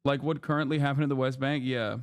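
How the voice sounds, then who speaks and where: A man's voice: mid-range voice, fairly even intonation, fast, clear, resonant tone, no echo. Heated sarcastic man streaming. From Turkey. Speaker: streamer reacting to news clips. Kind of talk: live stream commentary.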